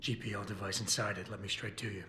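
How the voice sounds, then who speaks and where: A hard-edged agent from a video game, acted by a man. He talks in clipped, no-nonsense phrases with a low voice. The sound is roomy, with noticeable noise behind him. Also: steady tone, fast, close to an everyday voice. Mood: terse, probing. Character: terse, hard-edged male cyborg agent hero. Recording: echoey room, clear background noise.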